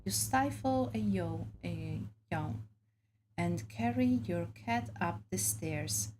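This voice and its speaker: A woman's voice: on the low side, animated, slow, darkish tone, a little hiss or hum. A woman reading story game narration aloud in a dramatic storybook way, occasionally stumbling on words. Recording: music bed under the voice. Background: clear background music.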